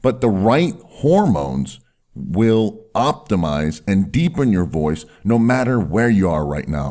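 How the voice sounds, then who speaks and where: Guy with a deep firm voice explaining tips, leans on key words, kinda salesy how-to. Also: darkish tone. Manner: emphatic, stretches key words, often tags sentences with "right". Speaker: presenter giving voice and health advice. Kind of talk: instructional talk to camera or listener, salesy explainer.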